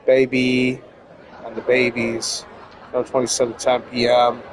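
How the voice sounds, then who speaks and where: A young man streaming a game live, reading in-game text aloud in a halting, casual way and calling his viewers bro. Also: medium pitch, completely flat delivery, noisy background.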